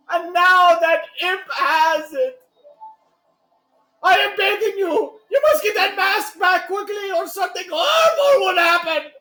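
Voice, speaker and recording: A man's voice: very high voice, bright, forceful tone, reverberant, voice pushed up, full character voice, rough recording. A man voicing an eerie, melodramatic mask salesman from a video game, reading the dialogue aloud. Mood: desperate pleading. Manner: melodramatic, swinging from solemn to shrieking. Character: eerie, theatrical mask salesman, pleading and frantic.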